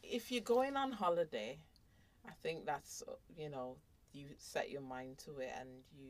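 A woman chatting casually on a podcast, measured and a little hesitant. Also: deep voice, sing-song. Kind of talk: casual chat. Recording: off-mic, distant.

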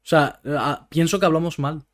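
A man's voice: on the high side, moderate pace. A man with a Melillan Spanish accent, co-hosting a casual podcast chat and making his points emphatically. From Melilla, Spain. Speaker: podcast co-host.

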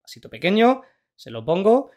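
A man's voice: sits high, sing-song, normal speed, a little mellow. Young man from Spain telling a rambling story. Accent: Spain Spanish. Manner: rambling storyteller, many fillers and restarts. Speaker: podcast co-host. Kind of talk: casual chat.

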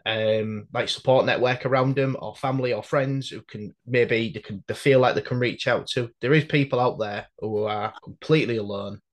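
Halting, reflective British man in conversation. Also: mid-range voice, fairly even intonation. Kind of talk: casual conversation.

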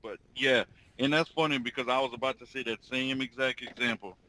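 A man's voice: medium pitch, fairly even intonation, a little fast, bright, forceful tone, rough recording. A man with a Louisiana Creole accent chatting casually and informally in local slang, as a co-host explaining expressions. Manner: slangy, informal, tells anecdotes. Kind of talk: casual chat.

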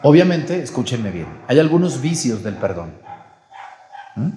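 A Mexican priest preaches in a conversational way, often tossing questions to the congregation. His mid-pitched voice rings around a large church with a long, trailing reverb. He slips into playful voices when he quotes people. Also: very animated, a little slow, mellow, a little hiss or hum. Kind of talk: sermon at Mass.

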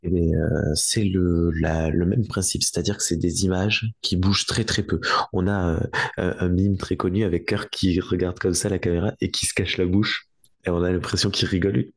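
Deep gravelly man explaining. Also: flat delivery, moderate pace. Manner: explanatory, with frequent restarts. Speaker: podcast guest. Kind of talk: casual chat.

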